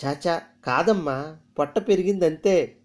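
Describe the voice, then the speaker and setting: A man's voice: a little high, a little slow, pitched above the performer's own voice, natural voice. A worn-out, poor older village woman, as a male narrator puts her on. Her raised voice frets and scolds with an edge of exhaustion. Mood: anxious. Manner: pleading, then scolding.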